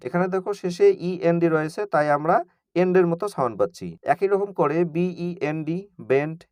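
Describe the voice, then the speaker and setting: Fast-talking male reading teacher. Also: on the high side, clear, resonant tone, no room sound. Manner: spells words letter by letter, then pronounces them slowly; addresses students informally and directly. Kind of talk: online lesson.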